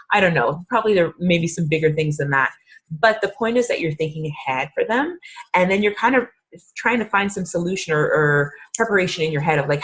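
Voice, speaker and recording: A woman's voice: sits low, slightly rough. A woman in her thirties, a fitness coach, leading a casual, upbeat workshop talk with lots of fillers. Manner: chatty, upbeat, filler-heavy.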